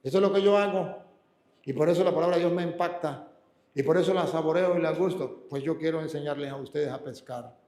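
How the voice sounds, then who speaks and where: High-voiced preaching priest in an echoey hall. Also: male voice. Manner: emphatic, slows to a calm hush on key words. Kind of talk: sermon teaching scripture reading.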